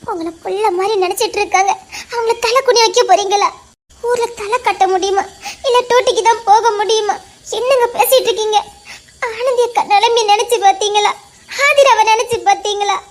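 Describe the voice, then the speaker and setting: A very high, thin voice belonging to an anxious young wife, played by a woman who talks in a soft, pleading way with a Tirunelveli Tamil accent. Her voice keeps breaking with tears, yet she stays firm. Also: a little fast. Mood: tearful pleading. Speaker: actor. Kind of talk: melodramatic web-series acting.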